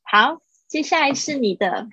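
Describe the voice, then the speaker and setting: A woman teaching English pronunciation on a livestream, explaining patiently and repeating words slowly for her students. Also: high voice, lively intonation, pushed and bright, no echo, highs cut off.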